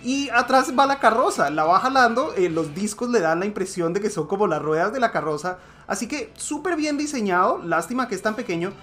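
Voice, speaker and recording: A man streaming a game, excitably commenting and swearing loudly at it, now and then dropping into English. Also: high-pitched, brisk, hardly any pauses, soft background music. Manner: loud outbursts and swearing at the game; code-switches into English exclamations. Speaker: gaming streamer. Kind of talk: excitable live gameplay commentary.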